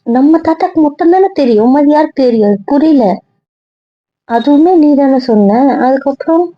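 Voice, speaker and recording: A woman's voice: sits high, expressive, moderate pace, dry recording, highs cut off. A young woman playing a hurt young girlfriend who questions and reproaches, in a web drama.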